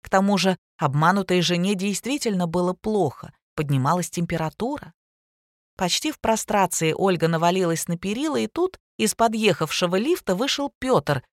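A woman narrating a scripted story in a steady, even manner. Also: on the low side, moderate pace, dry recording, studio quality.

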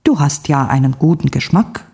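A woman reading the part of a polite friend who agrees mildly while quietly scheming. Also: sits low, expressive, moderate pace, husky, heavily acted. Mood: sly.

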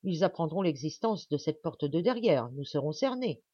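Brief: gruff, impatient country doctor, loud and blustering, as a woman reader puts him on; dry, dull recording. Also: low-pitched, very animated, normal speed, no echo, heavily acted. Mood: urgent.

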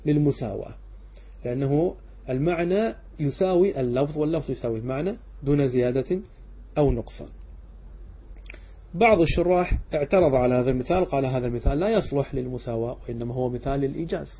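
A man's voice: fairly high pitch, quick pace, slightly rough. A man, a sheikh, giving a classroom lecture that explains a text line by line, asking his students questions and answering them himself. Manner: checks understanding with short asides. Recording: dull lo-fi lecture recording.

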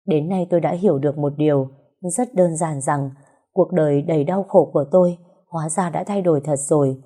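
A woman's voice: sits low, brisk, mellow, breathy edge. A woman reading a novel aloud in the first person, reflective and emotional. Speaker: audiobook narrator. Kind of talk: first-person storybook narration.

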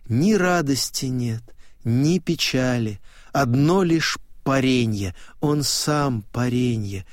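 A man reading a literary novel aloud in calm, measured audiobook narration. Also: mid-range voice, dry recording, studio quality. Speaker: audiobook reader.

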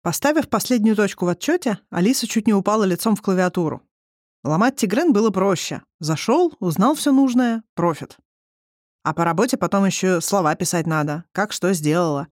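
An audiobook narrator reading a novel chapter in an even storytelling manner. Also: mid-range voice, fairly quick, no room sound, studio quality. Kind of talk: scripted narration.

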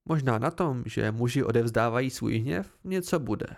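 A man's voice: medium pitch, animated, creaky. A man reading a novel aloud as an amateur audiobook, telling it in the first person with expression. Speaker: audiobook reader.

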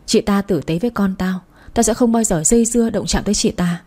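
A woman voicing a furious young mother who curses and shouts to get her baby back. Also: medium pitch, a little fast, close to an everyday voice. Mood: bitter. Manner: shouting, cursing.

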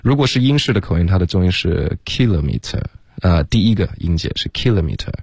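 A man with a very low voice teaches English pronunciation on a radio lesson. He explains patiently, murmuring agreement and mixing English words into his Chinese, and the sound is close and dry. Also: lively intonation, a little fast, gravelly, darkish tone, husky, dry recording. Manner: frequent back-channel murmurs. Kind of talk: casual radio lesson chat.

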